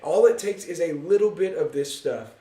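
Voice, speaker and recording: A man's voice: on the high side, expressive, moderate pace, dark tone. Casual man teaching Bible study. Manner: joking, conversational, reads scripture aloud. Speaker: pastor leading Bible study. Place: church room. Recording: echoey room from a distance.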